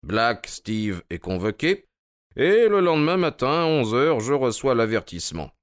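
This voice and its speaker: A man's voice: mid-range voice, big pitch swings, measured pace, no room sound. A man playing an ironic, probing detective in an audio drama reading. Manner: dry, mocking, probing. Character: sharp, ironic male detective, middle-aged.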